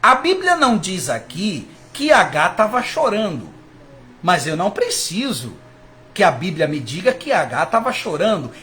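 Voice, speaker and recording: High, animated preacher. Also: male voice, moderate pace, a little hiss or hum. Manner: fervent, rising and falling, addresses listeners as brothers. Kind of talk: sermon.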